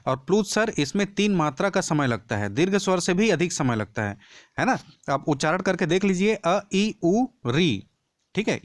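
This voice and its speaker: A man teaching an exam-prep lesson, explaining step by step, checking in often and repeating key terms slowly for emphasis. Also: a little high, no echo, clean studio sound. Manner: explains step by step with frequent "ठीक है" check-ins.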